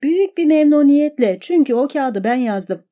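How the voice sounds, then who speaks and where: Brief: woman doing a self-righteous male deacon, loud and offended, storybook reading. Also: extremely high pitch, expressive, normal speed, voice pushed up. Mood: triumphant.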